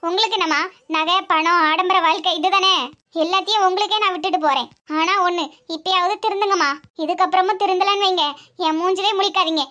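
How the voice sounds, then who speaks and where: Cartoon: woman playing an earnest young bride, bright and very high, Tirunelveli accent. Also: fairly even intonation, fast. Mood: defiant. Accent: Tirunelveli Tamil. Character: earnest young bride defying her mother. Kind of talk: cartoon comedy voice acting.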